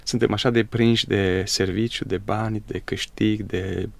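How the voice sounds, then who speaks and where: Flat, creaky male interviewer. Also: lowish voice. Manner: measured, reflective, preacherly. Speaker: interviewer host. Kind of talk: religious interview.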